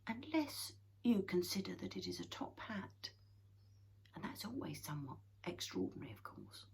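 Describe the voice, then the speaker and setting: A woman's voice: medium pitch, sing-song, normal speed, gravelly, in a whisper. A woman voicing a clever, suspicious small male creature who talks in a thoughtful, scheming way in a storybook reading. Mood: suspicious, plotting.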